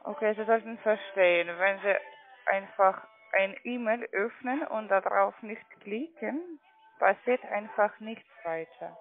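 An unhurried, high-pitched man makes a sales call for trading accounts from a call centre, speaking non-natively in ungrammatical phrasing; his first language is not German. The call comes through a narrow, muffled telephone line.

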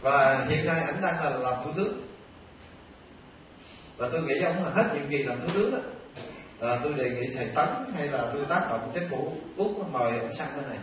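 An older Vietnamese man, a Buddhist monk, giving an animated storytelling dharma talk to a temple audience. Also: fairly high pitch, normal speed. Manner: animated, conversational, addresses listeners often. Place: temple hall. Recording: echoey distant hall recording with faint noise.

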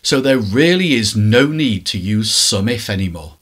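A man talking through a spreadsheet tutorial in a measured, step-by-step way. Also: lowish voice, expressive, a bit bright, no echo, studio quality. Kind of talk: screen-recorded tutorial narration.

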